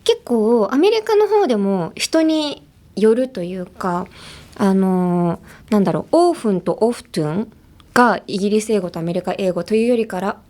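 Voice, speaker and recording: Speaking at a moderate pace with lively intonation, a young Los Angeles woman hosts a podcast in a mellow, mid-range voice. Her American-accented conversation is casual and bilingual, and she laughs frequently while changing languages.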